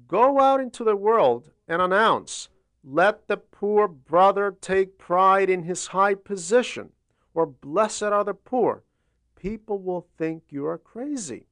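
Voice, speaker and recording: With a slightly high voice and a fairly bright tone, a man who reads and translates homilies delivers a religious homily at a slow, unhurried pace. His teaching style is measured, pausing often between short phrases. The sound is close and dry, with no room ambience.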